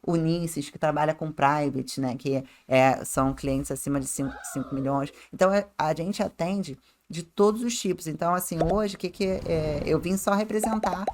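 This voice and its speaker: Guesting as an adviser on a podcast, a woman with a Rio de Janeiro accent and slightly tongue-tied diction chats colloquially, acting out what her clients say. Her voice is low and darkish, at normal speed with few pauses, over slight background noise.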